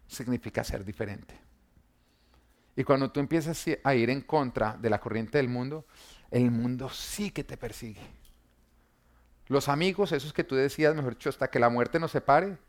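A man, preaching an emphatic sermon that swings between loud and quiet, full of rhetorical questions and humor for the congregation. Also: medium pitch, normal speed. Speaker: pastor.

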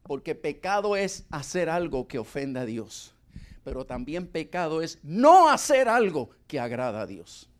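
A middle-aged man preaches with a voice that climbs high and swoops widely. He acts out little conversations with God and with his wife. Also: very animated, a little slow. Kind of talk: sermon.

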